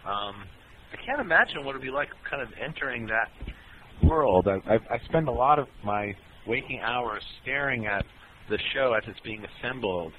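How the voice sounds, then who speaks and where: A man in a band answering fan questions in a relaxed, rambling way with many ums and uhs. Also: medium pitch, moderate pace, narrow, tinny audio, noisy background. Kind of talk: casual Q&A chat.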